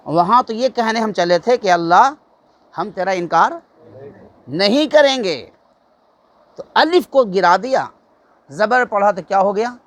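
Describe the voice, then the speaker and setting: A man with a notably high voice delivers a sermon as an imam. He teaches earnestly and keeps posing rhetorical questions to the congregation. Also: expressive, long pauses, a bit bright, no room sound. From India. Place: mosque.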